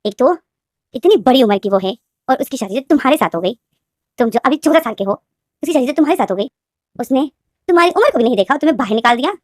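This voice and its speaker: Woman putting on a shrill scolding mother. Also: expressive, quick pace, long pauses, no room sound, clean studio sound. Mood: furious. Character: mother, furious then fawning, loud. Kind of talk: storytelling.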